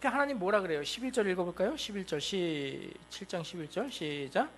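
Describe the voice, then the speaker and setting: A man preaching a sermon as pastor, animated and acting out voices in quoted lines. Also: sits high, fairly quick, soft background music. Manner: animated, acts out God and the king in quoted lines. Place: church sanctuary.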